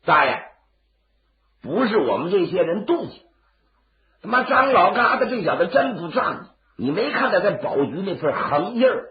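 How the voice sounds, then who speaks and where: A coarse, aggrieved tough voiced by a male storyteller complains in a gravelly Northeastern Chinese accent. He is dramatic and indignant, his fairly high voice jumping widely in pitch. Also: sing-song, normal speed, echoey room, dull audio, crowd noise. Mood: resentful. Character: aggrieved, coarse, vengeful local militia tough.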